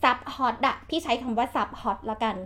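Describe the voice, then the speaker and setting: A woman hosting a podcast chat, giving blunt, lively advice with frequent laughter and slangy speech. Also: a little high, fairly quick. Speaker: podcast host and real estate agent.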